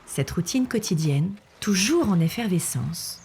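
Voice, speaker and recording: A woman reading scripted nature documentary narration in a measured, explanatory way. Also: fairly low pitch, animated, a little mellow, slight background noise. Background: background music.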